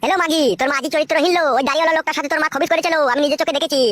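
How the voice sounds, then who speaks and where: A woman's voice: sits high, steady tone, rapid-fire, a bit bright, no echo. A woman voicing a sullen, insolent young son in a comic skit, talking back.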